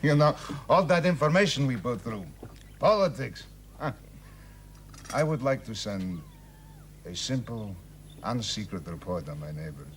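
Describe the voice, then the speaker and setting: A man's voice: medium pitch, animated, measured pace, long pauses. An actor playing a weary, affectionate, homesick ageing spy and father in a television drama. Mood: wistful. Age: older. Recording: vintage TV soundtrack, clear background noise.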